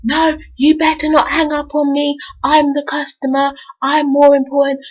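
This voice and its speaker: A woman mimicking an irate, demanding woman customer in a shrill, indignant voice. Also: flat delivery, moderate pace, natural voice. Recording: dull lo-fi sound.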